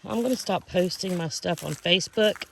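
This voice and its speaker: A woman giving a casual, folksy walking vlog, talking to viewers in a halting, rambling way. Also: on the low side, vocal fry. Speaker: vlogger and outdoor guide. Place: outdoors on a rural field and hollow trail. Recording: outdoor handheld recording with faint noise.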